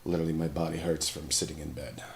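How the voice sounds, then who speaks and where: Very deep-voiced man, sick and congested. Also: little pitch movement, fast, creaky, a little mellow, slight background noise. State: sick with a sore throat and stuffed nose. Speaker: game streamer, show host. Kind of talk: casual livestream game commentary. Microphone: streaming microphone.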